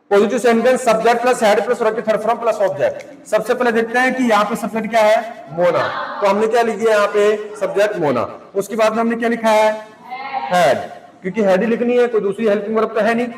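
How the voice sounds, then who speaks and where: High-voiced man teaching in an echoey hall. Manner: asks students questions and answers them himself; spells out English words letter by letter. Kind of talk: classroom grammar lesson. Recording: echoey room with long reverb.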